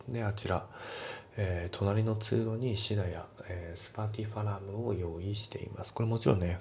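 A man explains English grammar and pronunciation like a teacher in a relaxed, chatty way, full of fillers. His voice sits very low with a gravelly edge. A faint hiss of noise runs under the recording.

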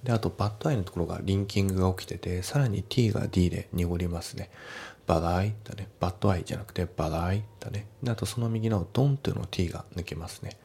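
A man teaching an English test lesson in Japanese, taking sentences apart step by step and slowly modelling English lines. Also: deep voice, creaky, dark tone, breathy edge. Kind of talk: TOEIC lesson walkthrough.

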